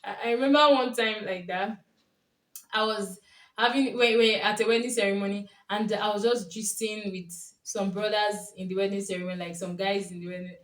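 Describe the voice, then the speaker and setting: Brisk and fairly bright, her mid-range voice keeps a steady tone as she tells stories and offers casual relationship advice to camera, laughing frequently. She's a young Nigerian vlogger and coach who speaks Yoruba and has a Nigerian accent, recorded from a distance in a roomy space.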